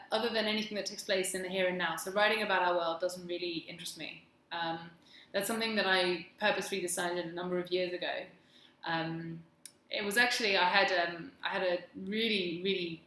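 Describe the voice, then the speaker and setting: A woman from England with a plummy accent chats to camera as a video blogger, her lowish voice pushed and bright. She rambles in a wry, self-deprecating way, recorded in an echoey room with faint background noise.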